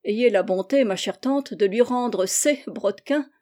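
Soft-hearted father, gentle and pleading, mellow, read by a woman. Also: medium pitch, a little slow, close to an everyday voice. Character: indulgent, mild-mannered father.

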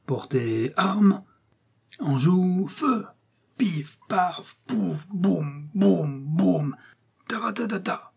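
A man reading aloud voices an excited little peasant boy who shouts martial cries and makes battle noises with his mouth. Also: a little high, unhurried, slightly rough, pitched above the performer's own voice, heavily acted.

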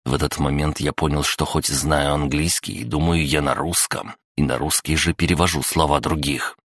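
A man reading a first-person story aloud in a measured, wry storytelling manner. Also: a bass voice, fairly even intonation, a bit bright, no echo, clean studio sound. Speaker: audiobook narrator. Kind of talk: scripted first-person narration.

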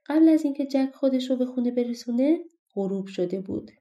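Mellow woman reading a fairy tale. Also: fairly high pitch, dull audio. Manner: calm, expressive reading. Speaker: audiobook narrator. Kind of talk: storybook narration.

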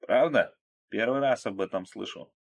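A man voicing a brash, boastful, excitable man in an audiobook. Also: fairly low pitch, normal speed, creaky, pitched above the performer's own voice. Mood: boastful chatter. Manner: loud, boisterous, pushy.

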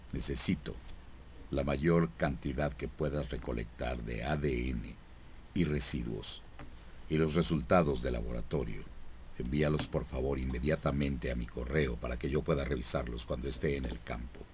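A man voicing a stern crime-scene investigation boss from a dubbed TV drama, measured, hushed and commanding. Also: extremely low pitch, a little hiss or hum, voice pushed down.

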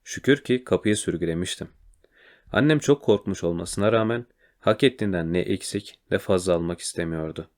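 A man narrating a children's storybook in a quiet, measured way. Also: low-pitched. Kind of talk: storybook reading.

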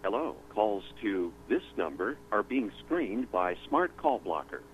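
A deep-leaning male voice plays a recorded call-screening prompt down a landline phone, moving through a lively pitch contour. The line sounds dull and lo-fi, with a faint hiss underneath. His delivery is formal and instructional. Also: a little slow. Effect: heard over a landline phone. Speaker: automated call-screening announcer.

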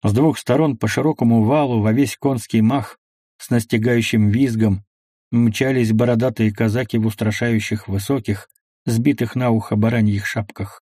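Male audiobook narrator, measured, dry close sound. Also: medium pitch, steady tone, mellow, dry recording. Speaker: audiobook reader.

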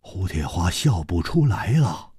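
A man telling a martial-arts novel as a storyteller, dramatic and animated, close to the mic. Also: deep voice, unhurried, husky, dry recording.

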